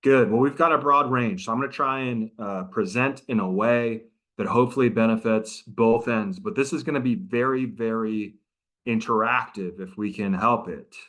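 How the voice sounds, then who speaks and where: On a video call, a middle-aged prosecutor and trainer delivers a laid-back, conversational training session while engaging the audience. His mid-range voice has a fairly bright tone and moves at a normal speed.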